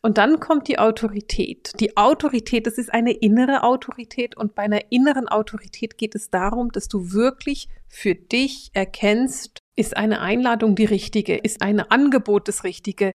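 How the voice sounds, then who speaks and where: A woman with a Swiss German accent, hosting a solo podcast and explaining her subject in a lively way, now and then acting out short quoted voices. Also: on the high side, normal speed, hardly any pauses. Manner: lively, acts out little quoted voices, drops to a whisper for emphasis. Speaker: podcast host and Human Design coach.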